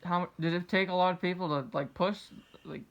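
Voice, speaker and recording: A young American man interviewing in a casual, halting way, feeling his way through questions. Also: high-pitched, steady tone, creaky, fairly bright tone. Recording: slightly dull, muffled sound.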